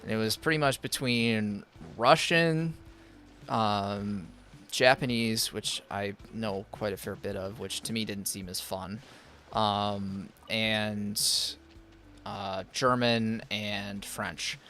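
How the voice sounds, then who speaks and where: With slight background noise, a man on the low side speaks slowly in a bright, forceful voice with fairly even intonation. Live-streaming a game, he reviews viewer accounts and answers chat between play, his advice wandering and full of fillers and restarts.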